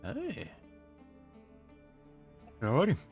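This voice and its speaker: A man's voice: a little high, wildly swooping pitch, very slow, vocal fry, a little mellow, slightly rough, lo-fi sound, soft background music. A man playing a tabletop game, making wry, laid-back remarks in casual banter.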